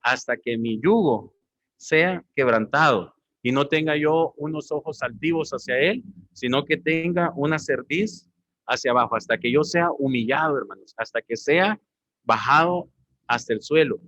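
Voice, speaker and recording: A man preaches a sermon, speaking to his congregation as brothers. His voice sits a little high for a man. The recording is dry and a bit dull. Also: normal speed, fairly bright tone, no echo. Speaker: pastor.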